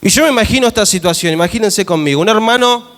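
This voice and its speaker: A man pastor with a Rioplatense Spanish accent preaches emphatically, often throwing questions to his congregation. His voice sits high, and a long church-hall reverb trails every phrase. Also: fast talker, fairly bright tone. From Argentina. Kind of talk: sermon.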